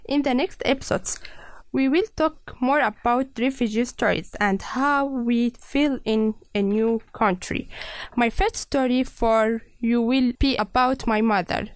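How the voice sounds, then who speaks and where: A young woman with a Syrian Arabic accent speaks in simple, careful English. Her first language is Arabic, and her voice is fairly high. The sound is dry and close to the mic. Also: measured pace, no room sound. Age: young adult. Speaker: new radio co-host.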